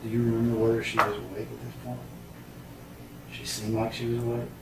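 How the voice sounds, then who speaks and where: A man's voice: medium pitch, completely flat delivery, a little fast. A man questioning someone as a police interrogator, methodical and probing, repeating answers back. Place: echoey interrogation room, far mic. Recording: echoey room, distant mic, heavy noise.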